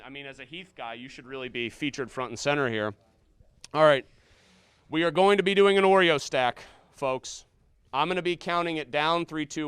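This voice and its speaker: A man's voice: on the high side, a bit bright, smooth, dry recording. A young man hosting a school telethon in a studio, with jokey, upbeat emcee patter. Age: young adult. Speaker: telethon host. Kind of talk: lively live TV hosting.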